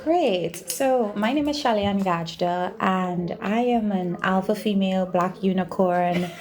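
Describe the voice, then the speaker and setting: A woman from Trinidad and Tobago, speaking with a Trinidadian accent, appears as a podcast guest; she's a doctoral researcher and university teacher. Her mid-range voice is a little mellow and a little slow, and she answers interview questions conversationally, repeating phrases for emphasis.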